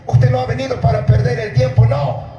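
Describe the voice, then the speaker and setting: A middle-aged man preaching at night on an outdoor stage, speaking into a handheld mic, calling out to the congregation and shouting at the peaks. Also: very high voice, flat delivery, brisk, highs cut off, soft background music. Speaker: pastor. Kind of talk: open-air sermon. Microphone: handheld mic through PA, filmed from far. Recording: echoey PA sound from far off.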